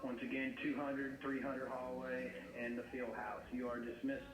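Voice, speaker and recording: Male school intercom announcer, flat delivery, distant echoey loudspeaker. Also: mid-range voice. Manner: flat, measured announcing with fillers. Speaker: school administrator making announcements. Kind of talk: public address announcement. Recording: echoey loudspeaker heard from far off over a crowd.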